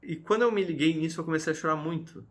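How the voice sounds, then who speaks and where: A man's voice: a little high, quick pace. A man, talking to camera in an earnest, confessional way about his faith. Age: early 20s. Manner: earnest, preachy, addresses viewers directly with frequent "tá?". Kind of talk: casual confessional talk to camera.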